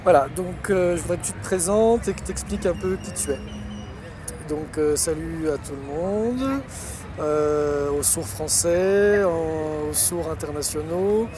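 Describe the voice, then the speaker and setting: A man giving a voice-over interpretation of a signed travel vlog, pausing often. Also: a little high, background noise. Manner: hesitant, many pauses.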